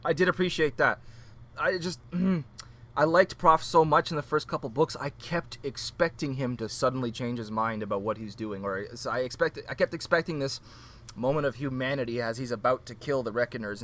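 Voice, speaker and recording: A man's voice: medium pitch, moderate pace, a bit bright. A man co-hosting a book podcast, talking animatedly, asking questions and restarting his sentences. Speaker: podcast co-host. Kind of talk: casual book discussion. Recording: background noise.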